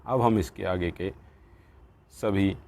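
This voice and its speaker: A man's voice: low voice, vocal fry, a little mellow. A man teaching a textbook lesson, reading lines aloud and explaining each word. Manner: slow, reads Sanskrit lines then explains in Hindi. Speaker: Sanskrit teacher.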